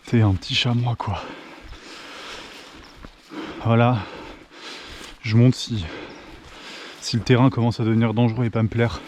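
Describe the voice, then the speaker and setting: French hiker vlogging outdoors, mellow voice. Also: male voice, mid-range voice, flat delivery, unhurried, pauses often, a little hiss or hum. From France. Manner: chatty, thinks aloud with restarts and "hein". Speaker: hiker filming himself. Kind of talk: casual vlog narration. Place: mountain trail outdoors. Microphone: handheld camera.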